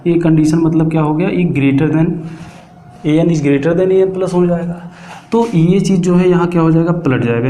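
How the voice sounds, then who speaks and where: A man teaching a math lesson, explaining step by step and answering his own questions as he goes. He slows right down when he dictates formulas. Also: on the high side, warm tone. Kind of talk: classroom lecture. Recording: echoey room, faint background noise.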